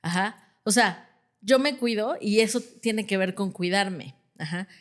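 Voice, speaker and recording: A woman, a clinical psychologist explaining calmly with everyday examples and checking in with "ajá". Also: medium pitch, unhurried. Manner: acts out quoted parents in a different voice. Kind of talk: conversational explanation.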